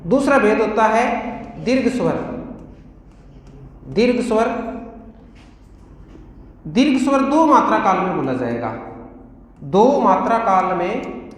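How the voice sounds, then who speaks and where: A man with a fairly high voice and a Rajasthani Hindi accent teaches exam-prep grammar. He asks the class questions, answers them himself, and drills key terms over and over. The sound is very echoey, with a long reverb tail from the room. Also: sing-song, slow pace, pauses often. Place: coaching classroom.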